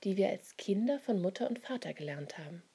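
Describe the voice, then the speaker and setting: A woman reading the part of Magdalena, a calm grown woman explaining things to a child, in a breathy, husky voice. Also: medium pitch, fairly quick.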